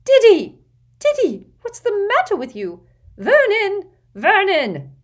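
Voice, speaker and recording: A woman voicing a shrill, fussing middle-aged mother who shrieks in frantic panic. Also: sing-song, a little slow, darkish tone, exaggerated voice. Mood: shrieking.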